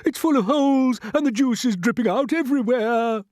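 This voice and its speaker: A reader doing a loud old grasshopper. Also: mid-range voice, lively intonation, moderate pace, no echo, studio quality, voice pushed up, natural voice. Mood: alarmed.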